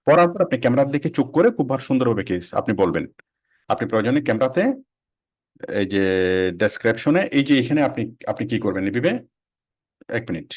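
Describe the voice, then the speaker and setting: A man teaching a casual online class, quick and conversational, repeating and restarting phrases. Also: medium pitch, a little mellow. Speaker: freelancing instructor.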